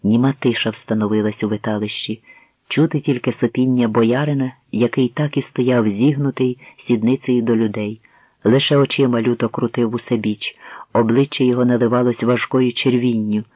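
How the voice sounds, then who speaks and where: Brief: male audiobook narrator, measured storytelling, mid pitch, phone-like dry recording. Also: steady tone, husky, no echo. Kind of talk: scripted narration. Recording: tinny phone-like dry sound.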